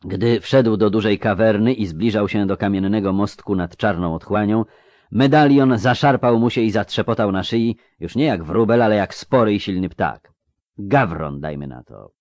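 A man's voice: fairly low pitch, normal speed, darkish tone, no echo. A man narrating a fantasy audiobook with a tense, suspenseful reading.

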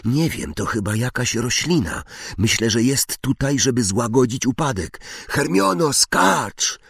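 A man's voice: mid-range voice, animated, moderate pace, slightly rough, no room sound, clean studio sound, voice pushed up. A man voicing a brave young schoolboy wizard, calling out in strained, breathless bursts.

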